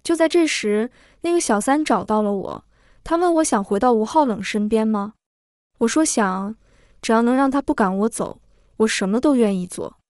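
A woman with a slightly high voice reads a dramatic first-person story as a storyteller. Her delivery is steady and even throughout. She is recorded close to the mic in a dry, dead room. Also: moderate pace, dry recording. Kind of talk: scripted first-person narration.

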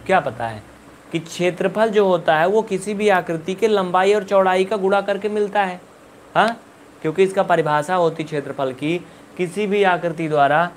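A man's voice: sits high, slight background noise. A man teaching a live online maths class, repeating questions and scolding his students. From India.

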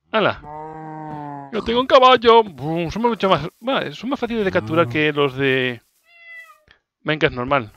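Male gaming host, Spain Spanish accent, fairly high pitch, casual and playful, chatting to the creatures on screen. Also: a bit bright, lo-fi sound. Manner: playful, talks to the game creatures, repeats words. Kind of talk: casual let's play commentary.

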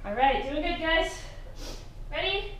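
Woman in her 30s, fitness instructor, high bright voice, upbeat countdowns, filmed from far off in an echoey garage gym. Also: expressive, a little slow, a little hiss or hum. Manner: upbeat, counting down, cheerful encouragement with laughs. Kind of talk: live workout coaching. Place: home garage gym, indoors. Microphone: far camera, exercising while talking. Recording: echoey room, voice from a distance.

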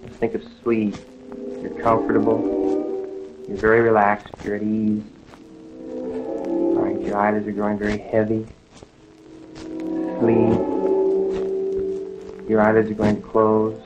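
An actor playing a calm hypnotist who talks someone into sleep with slow, repeated commands, in an old film. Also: male voice, fairly low pitch, close to an everyday voice. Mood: soothing. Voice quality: slow, soothing, repetitive commands. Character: calm male hypnotist putting a woman under. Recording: dull old film soundtrack with music.

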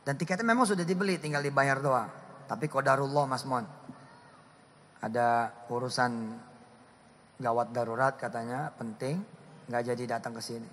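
A man preaching a lively sermon, swinging from loud bursts to hushed asides as he talks with his audience. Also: medium pitch, moderate pace, pauses often, slight background noise. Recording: hall reverb.

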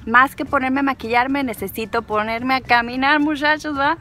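A woman's voice: high-pitched, fairly even intonation, normal speed, over music. A woman with a Mexican accent vlogging casually while walking through an outdoor park, chatting playfully and rambling to herself and the camera.

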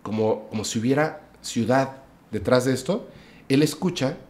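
A man, a podcast guest, telling a story in casual chat, lively, often adding "o sea" and "¿no?". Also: mid-range voice, moderate pace. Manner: lively retelling, with "o sea" and "¿no?" tags.

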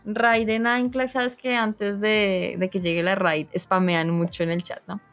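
A young woman, a streamer being interviewed, telling stories in a casual, animated way and acting out her own reactions. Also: mid-range voice, unhurried, faint music behind. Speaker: streamer guest.

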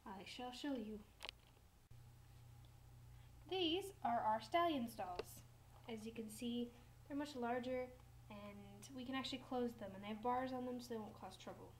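A woman's voice: a little high, normal speed, slight background noise, close to an everyday voice, rough recording. A teenage girl voicing a young woman who gives a stable tour in a doll video, talking in a chatty, hesitant way with small self-corrections. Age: late teens. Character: young woman barn worker giving a tour. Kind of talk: doll video role-play narration. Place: home room, doll barn set.

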